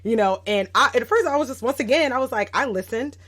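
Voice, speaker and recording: A woman's voice: fairly high pitch, fast talker. A woman in her thirties, a guest educator, telling stories on a casual podcast in a reflective way. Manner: reflective, animated when quoting others.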